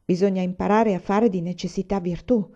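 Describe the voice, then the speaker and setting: A woman reading the part of a cheerful, resourceful pioneer father in a storybook, speaking in a steady, reassuring way. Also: lowish voice, fairly quick. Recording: dull lo-fi recording.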